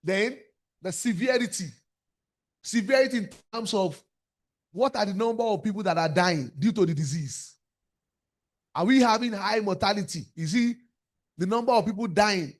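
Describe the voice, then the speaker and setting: High-voiced lecturer, man. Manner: asks rhetorical questions, repeats words while searching. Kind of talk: academic lecture. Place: lecture room.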